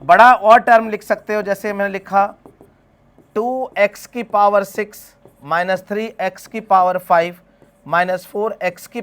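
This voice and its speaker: A man with a high, fairly bright voice teaches math to a class. Step by step he poses questions and answers them himself, all the while calling his students beta.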